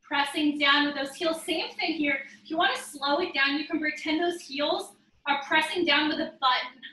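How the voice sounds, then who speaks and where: A young woman leads a guided workout class, counting down each set and cueing form while she does the moves herself. Her voice is very bright and sits high. She sounds set back from the mic in a roomy space. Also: normal speed, far from the mic. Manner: steady counting cues, instructive while exercising. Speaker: fitness instructor.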